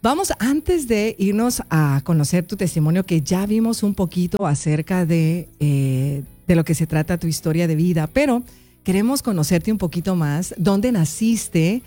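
A woman hosting a live online interview, talking in a warm, chatty way and often repeating herself. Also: on the low side, lively intonation, moderate pace, soft background music. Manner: warm, chatty, repeats herself while fixing tech trouble. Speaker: host.

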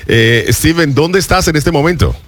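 A man hosting a radio interview, asking his questions in a formal, measured way. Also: fairly high pitch, animated, soft background music. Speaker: radio host.

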